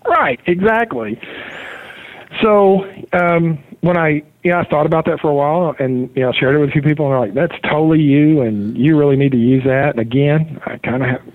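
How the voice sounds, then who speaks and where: A mortgage marketer appears as a podcast guest, earnestly telling his business story in a casual interview over a tinny phone line. His voice is a little high and brisk, with no room sound.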